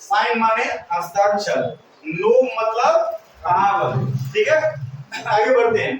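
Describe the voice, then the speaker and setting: A man's voice: sits high, slow, a little hiss or hum. A male teacher giving a classroom lesson, drilling students with repeated questions and call-and-response. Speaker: English teacher. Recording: echoey room, mic far off.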